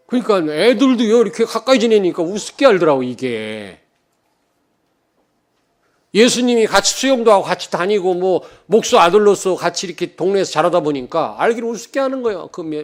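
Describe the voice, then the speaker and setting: A man in his fifties from Cheonan, preaching a sermon as pastor, joking and telling stories, swinging from loud emphasis to quiet asides and calling out to the congregation. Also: sits high. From Cheonan, South Korea. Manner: joking, anecdotal, calls out to the congregation.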